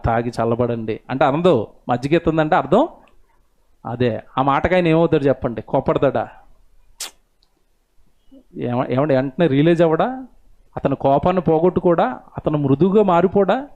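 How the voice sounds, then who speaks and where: A male pastor preaching a sermon, swinging between loud rhetorical questions and low asides.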